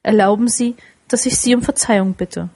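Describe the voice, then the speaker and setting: A woman voicing an elderly man, a former miser now jolly and kind, talking in a cheerful, effusive and courteous way with a husky voice. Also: a little high, normal speed, darkish tone.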